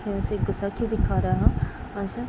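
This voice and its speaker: A woman acting out a gentle, cautious young woman speaking in a hushed, quieter voice. Steady noise and passing vehicles sit behind the storybook voice. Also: medium pitch, fairly quick, close to an everyday voice. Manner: soft, hushed. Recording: noisy background with passing vehicles.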